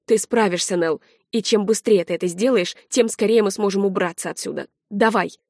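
A woman reading an audiobook, voicing a calm, protective young man in a steady, reassuring, slightly lower voice. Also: brisk, no echo, clean studio sound, close to an everyday voice. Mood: calm, firm.

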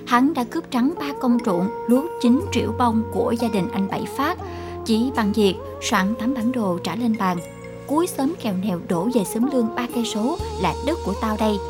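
A woman hosting a literature radio program with a measured formal introduction. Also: a little high. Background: background music.

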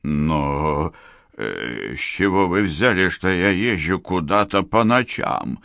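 A lovesick army colonel fumbles for words in a low, muttering voice, as a narrator puts him on. The delivery is hesitant, dry and close to the mic. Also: male voice, animated, slow pace, gravelly, fairly bright tone, dry recording, full character voice. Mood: flustered.

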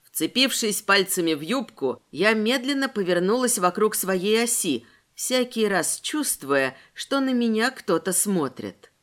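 Expressive woman reading a fantasy audiobook. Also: mid-range voice, unhurried. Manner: expressive, voices the heroine's fears. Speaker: audiobook narrator. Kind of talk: first-person fantasy narration.

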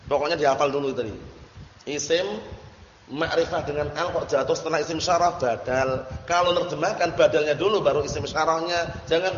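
A man with a fairly high, steady voice speaks fairly quickly as he teaches Arabic grammar to a class. He drills the students informally, repeating questions and often checking that they follow. The recording sounds muffled and echoey, as if in a hall, with background noise.

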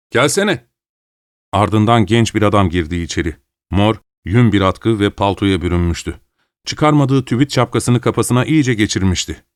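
Male audiobook narrator, low voice, dry booth sound. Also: no echo. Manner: raises pitch for dialogue, steady narration between. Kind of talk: scripted narration of a novel, voicing all characters.

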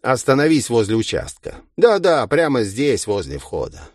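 A man with a mid-range, slightly mellow voice, very animated at a moderate pace, voices a gleeful, mocking murderous villain. His taunting, singsong delivery is cruelly playful, recorded in clean studio sound with no echo and the voice pushed up.

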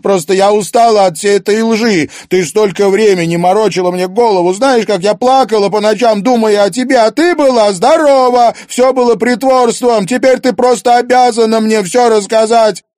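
A male audiobook reader voicing a headstrong teenage girl who shouts hysterical accusations. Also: mid-range voice, expressive, measured pace, no room sound, clean studio sound, pitched above the performer's own voice. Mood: shouting. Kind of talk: audiobook character voice.

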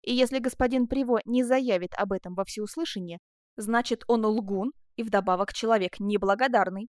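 A woman voicing a passionate middle-aged master sculptor, exclaiming loudly in an audiobook reading. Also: a little high, normal speed, no room sound, studio quality, lightly acted. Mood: insistent. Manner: impassioned, exclaiming.

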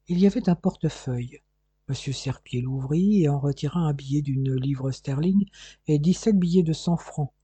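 An audiobook narrator reading a detective novel aloud in a steady storytelling manner. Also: mid-range voice, slightly rough, dry recording.

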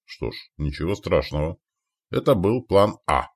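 Man reading an audiobook in first person, low voice, steady and a bit wry. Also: normal speed, breathy edge. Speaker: audiobook narrator.

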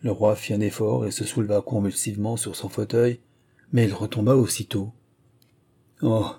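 Male narrator, measured literary read, dark and husky, a touch low. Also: little pitch movement. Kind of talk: scripted narration of a historical tale.

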